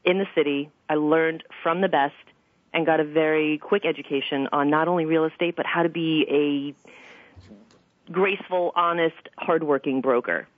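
A woman's voice: deep voice, dry recording. A middle-aged woman, speaking conversationally as a guest in a radio interview. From Queens, New York City. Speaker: real estate broker, interview guest. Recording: muffled phone-like radio line.

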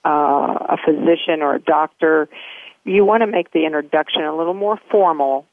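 A woman guest explaining business etiquette in a measured, explanatory way, heard over a tinny phone line. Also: low voice, no room sound. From United States.

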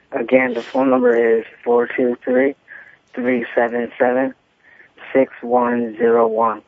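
Woman, heavy vocal fry, deliberate announcing, interview guest, narrow phone-like audio. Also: fairly high pitch, sing-song, dry recording. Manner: deliberate, spelling things out. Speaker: guest giving contact details.

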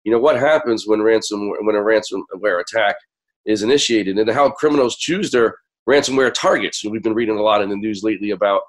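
An American man hosting a radio show, sick and hoarse, his voice cracking as he talks conversationally to listeners. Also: fairly low pitch, a little fast, rough recording.

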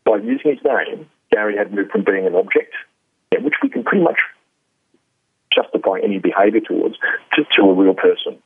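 A man's voice: fairly low pitch, big pitch swings, fairly quick, vocal fry, husky, no echo. A man with an Australian accent, a radio show guest talking casually and hesitantly, with many fillers and restarts. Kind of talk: casual interview talk. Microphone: phone. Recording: tinny phone line.

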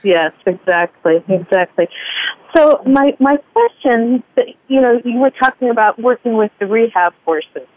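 A woman's voice: on the high side, expressive, measured pace, dry recording. A woman calling in to a radio show over a clipped phone line, talking hesitantly and repeating her words as she restarts. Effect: thin clipped phone line. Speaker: caller. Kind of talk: casual call-in chat. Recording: dry, tinny phone line.

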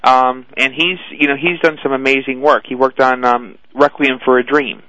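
A man's voice: mid-range voice, steady tone, normal speed, pushed and bright, no echo. Boston-accented man, enthusiastic radio guest. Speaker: talent agency guest. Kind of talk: casual radio interview. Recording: dull lo-fi radio audio.

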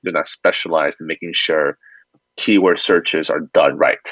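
A company founder appears as an expert guest in an interview, explaining things conversationally step by step and checking in as he goes. His bass voice is husky and a bit bright, with fairly even intonation at normal speed. The audio is muffled, dry and lo-fi, with no room sound.

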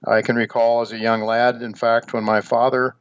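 A man in his seventies from the United States hosting a financial radio show, explaining in a measured way with hesitant pauses. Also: medium pitch, level tone, clear, resonant tone, no room sound. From United States, Ohio. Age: 70s. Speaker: radio show host and newsletter editor. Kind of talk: radio monologue on financial markets. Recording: dull lo-fi radio audio.

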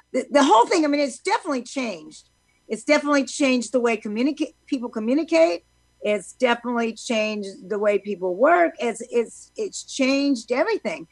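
A woman's voice: fairly high pitch, dry recording, low-quality recording. A woman guest on a live talk show, telling stories with lots of fillers and restarts. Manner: animated storyteller with many fillers.

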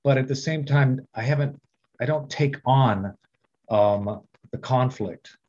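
A man who is a veteran, speaking as a guest in a podcast interview in a reflective, measured way. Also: mid-range voice, a little mellow, lo-fi sound.

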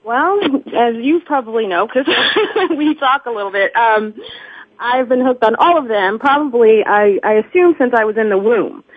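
A woman's voice: fairly high pitch, moderate pace, breathy edge, no echo. A woman from Georgia calling in to a radio show over a thin, clipped telephone line, chatty and laughing between remarks. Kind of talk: casual phone chat. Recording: narrow-band phone call, dry.

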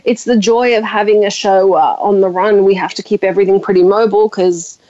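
A woman hosting a casual chat show, hoarse from a sore throat and joking and teasing her guest. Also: mid-range voice, fairly even intonation, brisk, a little mellow, dry recording, highs cut off. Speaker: host.

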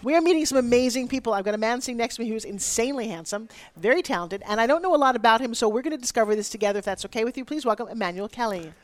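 Bubbly fast-talking woman radio host. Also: fairly high pitch, expressive, a little hiss or hum. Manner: bubbly and teasing. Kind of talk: lively radio interview. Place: women's conference.

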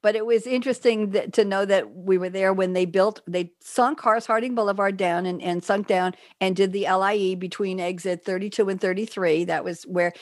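An older woman with a New York accent hosts a radio talk show, chatting casually with guests and telling rambling stories while laughing often. Her mid-range voice comes through clean studio sound with no echo.

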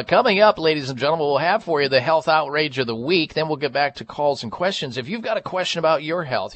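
A man's voice: medium pitch, a bit bright, no echo. An American man speaks as a talk radio host in a mid-range voice. The sound is dry and close as he delivers his monologue to listeners. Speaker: radio health show host.

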